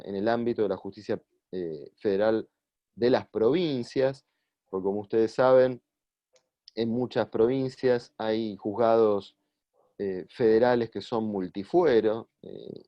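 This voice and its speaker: A man giving a measured, explanatory talk, often pausing on "eh" and repeating words. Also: on the low side, no room sound. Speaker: guest speaker on judicial reform. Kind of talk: lecture-style explanation. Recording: dull lo-fi, dry sound.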